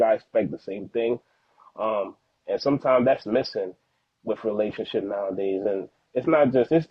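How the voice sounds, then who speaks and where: A young man with a mid-range, husky voice speaks earnestly and slangily, repeating words for emphasis, as a podcast guest and father in a casual, heartfelt interview. He is of Haitian background, a native Haitian Creole speaker living in the United States, and the audio is dry and phone-like narrow-band.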